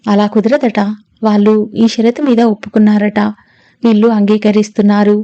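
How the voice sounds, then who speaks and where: A woman's voice: medium pitch, flat delivery, moderate pace, mellow, muffled recording, natural voice. A woman reading the part of a spirited young woman who protests emphatically in a storybook reading. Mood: indignant.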